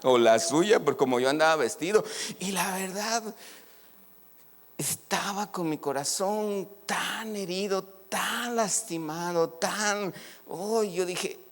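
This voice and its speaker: A middle-aged man with a northern Mexican accent, preaching a sermon and telling personal stories, acting out the dialogue. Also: fairly high pitch. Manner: animated, acts out dialogue in his stories. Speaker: pastor. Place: church hall. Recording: long reverb of a church hall.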